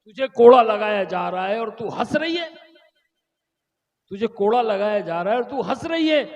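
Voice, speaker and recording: An angry, proud king shouts his outrage in a high, carrying voice, as a preacher puts him on. The sound rings with long hall reverb. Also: flat delivery, fairly quick. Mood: furious. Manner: shouting, indignant.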